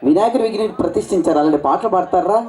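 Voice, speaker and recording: A man's voice: high voice, darkish tone. A man performing a stage comedy skit as a bossy, mocking show star. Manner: bossy, mocking, rapid banter. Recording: roomy stage sound from a distance.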